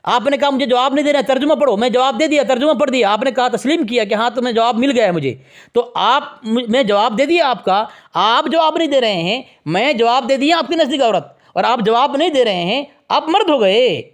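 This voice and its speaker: A man's voice: very high-pitched, animated. A man in a heated religious debate who insistently repeats the same demand, talking over his opponent.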